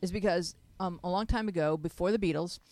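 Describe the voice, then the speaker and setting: A woman's voice: lowish voice, a little fast, darkish tone, slight background noise. A middle-aged woman hosting a casual talk show, playful and jokey, speaking into a handheld mic in a small home studio. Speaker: host. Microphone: handheld mic, headphones on.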